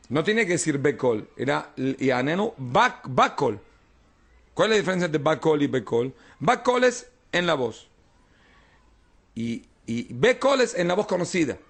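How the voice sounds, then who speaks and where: A man's voice: on the high side, animated, measured pace, long pauses, a bit bright. A man, a rabbi, teaching an informal Talmud class, explaining texts and often checking that his students follow.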